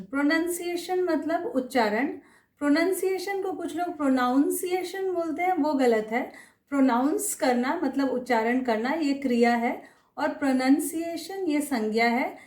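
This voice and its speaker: A woman teaching pronunciation in a slow, deliberate lesson, carefully repeating each word. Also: sits high, a little mellow, echoey room, recorded from a distance. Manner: repeats each word carefully, mixing Hindi with English terms.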